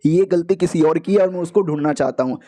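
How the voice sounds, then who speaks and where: A man's voice: a little high, quick pace, dark tone, close to an everyday voice. A man voicing a scheming, bossy old grandfather in a casual, slangy way.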